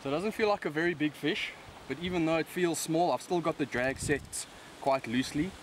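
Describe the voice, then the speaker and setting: A man's voice: on the high side, fairly quick. Young man, broad South African accent. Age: young adult. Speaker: angler presenting a fishing video. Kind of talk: casual instructional commentary while fishing. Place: outdoors on a river bank. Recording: outdoor camera sound with background noise.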